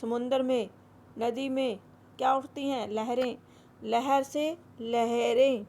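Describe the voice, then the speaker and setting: Woman, Hindi teacher, high voice, gravelly, slow, repeats words, drills worksheet answers. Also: fairly even intonation, dark tone, a little hiss or hum. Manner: repeats words slowly, then drills them. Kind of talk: explaining a school grammar worksheet.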